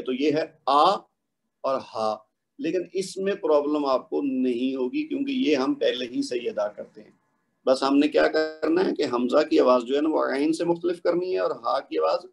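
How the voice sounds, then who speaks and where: Male tajweed teacher, husky edge, patient and explanatory, demonstrates sounds slowly. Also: medium pitch, a little mellow. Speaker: Quran recitation teacher. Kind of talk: spoken tajweed lesson.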